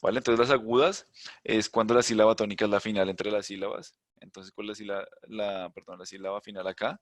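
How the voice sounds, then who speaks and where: A low-voiced man teaching an online class through a computer microphone. His voice sits in a dry, close sound. He explains step by step and keeps checking that his students follow him. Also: steady tone, quick pace, dry recording. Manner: explanatory, checks in with "¿listo?" and "¿vale?"; thinks aloud, hums while searching the screen. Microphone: computer mic on a video call.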